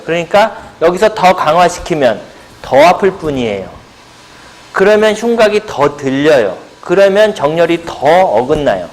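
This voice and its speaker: Man lecturing with rhetorical questions. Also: high-pitched. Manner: rhetorical questions, answering himself; playful buzzer sound effects. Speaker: pilates instructor. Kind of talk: seminar lecture with audience questions. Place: seminar room.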